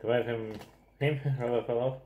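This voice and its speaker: A man's voice: medium pitch, steady tone, moderate pace, phone-quality sound. A man, chatting casually as co-host of a snack review. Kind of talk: casual chat, product review. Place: small domestic kitchen, indoors. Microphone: camera mic at table distance. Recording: noisy room, clicks.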